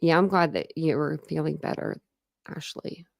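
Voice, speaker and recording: Her voice sits low and creaky yet lively in intonation as this woman chats through a true crime livestream, answering comments. She speaks with a mix of Midwest and Southern American accents, rambling along with quick laughing asides. The studio recording is clean and dry.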